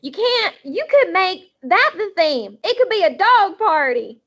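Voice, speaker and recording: A woman reading aloud and voicing an excitable, bossy little girl with a high, insistent voice. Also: a little slow, heavily acted. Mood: eager. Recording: dull lo-fi audio.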